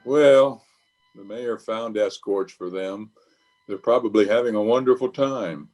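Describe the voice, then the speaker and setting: Here the same hammy, exclamatory role, a pompous and scheming middle-aged water commissioner from an old-time radio comedy, is voiced by a man pitched fairly low. He takes his time, sounds a little mellow, and plays it only lightly. There's a rueful, avuncular feel to it.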